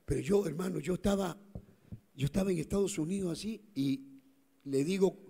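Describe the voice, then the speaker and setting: A middle-aged male pastor preaching a sermon, swinging from fervent shouts to hushed storytelling. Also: high-pitched, moderate pace, vocal fry, a little hiss or hum. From South America.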